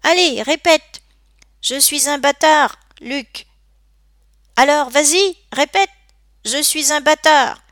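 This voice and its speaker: Woman putting on a jeering shrill teen thug. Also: slow, pauses often, no room sound, clean studio sound. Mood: moqueur. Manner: jeering, loud. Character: cruel teenage boy gang member.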